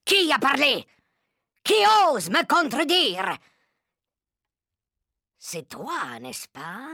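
Tyrannical witch queen, high piercing voice, shrill and bright, slow menacing delivery. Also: huge pitch swings, breathy edge, no echo, studio quality, full character voice. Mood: furious. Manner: shrieking, commanding, chanting threats. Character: tyrannical furious female witch leader. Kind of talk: audio drama acting.

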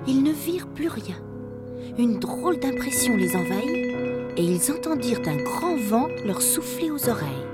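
A woman narrating an audiobook in an expressive, at times hushed storytelling voice. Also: on the high side, moderate pace, loud music behind the voice.

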